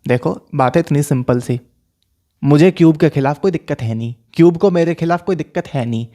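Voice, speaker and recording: Young male storyteller, slightly higher voice, animated, mixes in English. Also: fairly quick. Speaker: storyteller vlogger. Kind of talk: casual storytelling.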